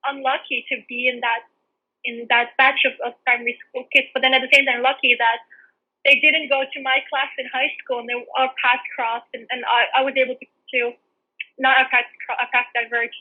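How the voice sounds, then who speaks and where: High husky woman from the Netherlands. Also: level tone, moderate pace, narrow, tinny audio. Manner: reflective, earnest, frequent restarts. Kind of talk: candid personal storytelling.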